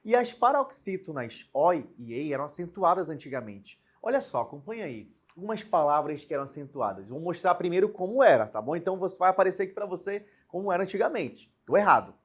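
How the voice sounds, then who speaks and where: A man's voice: high voice, fast talker, hardly any pauses. Man teaching a grammar lesson. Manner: lively, explanatory, with frequent rhetorical questions and tag "né?". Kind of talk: recorded online grammar lesson.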